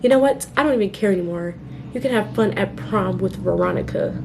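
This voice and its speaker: A hurt, defiant teenage girl from a storybook, read by a young woman. The delivery stays plain, with a slight fry. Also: mid-range voice, fairly quick, noisy background, natural voice. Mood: upset. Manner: plain read-aloud of dialogue.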